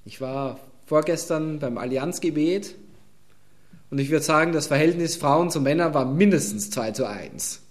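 Man preaching a lively sermon. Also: fairly high pitch, normal speed. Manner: addresses congregation directly, emphatic Bible exposition. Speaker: pastor.

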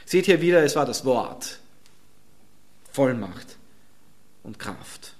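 A man's voice: medium pitch, expressive, slow, a little mellow. A male pastor preaching a sermon in an emphatic, conversational way and chuckling between points.

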